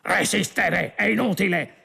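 A dim, brutish alien guard growls short, blunt lines and mulls things over slowly, as a man voices him. The tone is gravelly and husky. It comes from a storybook reading of a comic space tale. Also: high voice, pushed and bright, voice pushed up, heavily acted. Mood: dull, blunt. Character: dim, brutish male alien guard who loves shouting.

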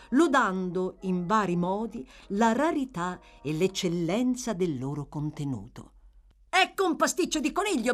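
Woman reading a novel out loud, expressive, lively up and down voice. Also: mid-range voice. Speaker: audiobook reader. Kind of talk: scripted literary narration.

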